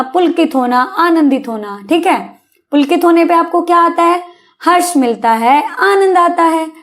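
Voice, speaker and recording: A high-pitched woman teaches schoolchildren their vocabulary in a coaxing, patient way. She keeps checking that they follow and spells words out sound by sound. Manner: coaxing, calls listeners beta, asks "hai na?". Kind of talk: Hindi vocabulary lesson for children.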